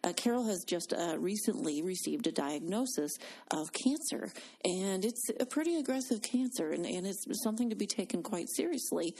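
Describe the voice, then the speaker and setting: Husky woman co-hosting faith talk. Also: medium pitch, expressive, normal speed, mellow. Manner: earnest, frequent fillers and restarts. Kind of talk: faith-based conversational talk.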